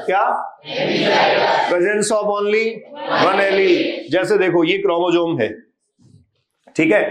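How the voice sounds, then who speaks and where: A man teaches an exam revision lesson in a high, lively voice. He keeps firing rhetorical questions at his students and sometimes calls out loudly. The sound is roomy and echoey. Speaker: biology teacher.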